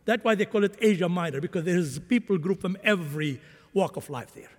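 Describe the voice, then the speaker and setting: A man's voice: sits high, animated, fast. A man who grew up in Syria, preaching a sermon with impassioned swings in volume. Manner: impassioned, rising and falling volume. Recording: long hall reverb.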